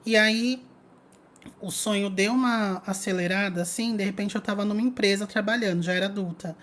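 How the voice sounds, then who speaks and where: A young adult woman chatting to her online audience, telling a personal story in a lively, casual way. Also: mid-range voice, a little fast. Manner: lively, chatty, addresses viewers as "gente". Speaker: spiritual content creator.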